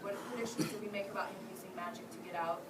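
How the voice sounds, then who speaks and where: An elementary school teacher with a medium-pitched, steady voice races through an interactive read-aloud, prompting her class with questions. The recording is roomy and clearly noisy, taken from a distant mic.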